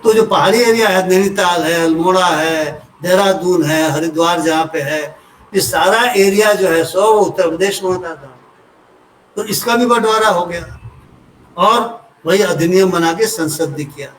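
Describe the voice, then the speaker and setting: An older man from Uttar Pradesh, a retired civil servant, explaining a topic in an unhurried lecture with homely examples and personal asides. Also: high voice, slight background noise. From Uttar Pradesh, India. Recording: roomy echo from a distant mic.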